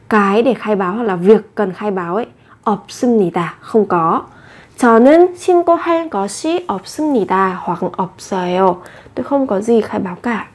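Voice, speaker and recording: Fairly high-voiced woman teaching a language. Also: darkish tone. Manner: reads model phrases quickly then explains them slowly and carefully. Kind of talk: language lesson, explaining phrases.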